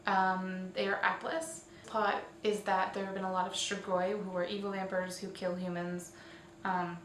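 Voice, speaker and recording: Hosting a weekly online roleplay community show, a woman delivers a casual roundup in a chatty, slightly tentative manner, often correcting herself. Her voice is middle-pitched. She's distant from the mic in an echoey room, with a faint hiss beneath.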